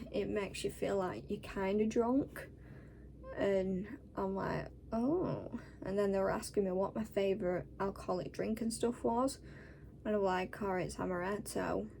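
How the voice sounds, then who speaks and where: With vocal fry in her mellow, mid-range voice, a Northern English vlogger chats bluntly to camera, swearing as she recounts her day. Having just had a wisdom tooth out, she sounds exhausted and scratchy-throated.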